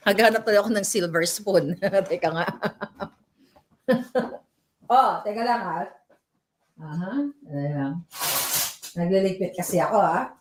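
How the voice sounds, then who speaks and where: A woman doing a casual ranting commentary vlog. She is animated, keeps seeking agreement from her viewers and laughs between remarks. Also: lowish voice, slow pace, long pauses, slight background noise. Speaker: commentary vlogger.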